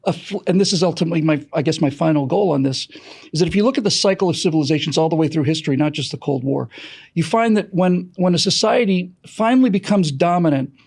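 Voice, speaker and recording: An American man hosts earnest, extemporaneous political and historical commentary, talking emphatically in long, discursive explanations. His voice is on the high side, creaky, a little mellow and slightly rough, and he talks fast.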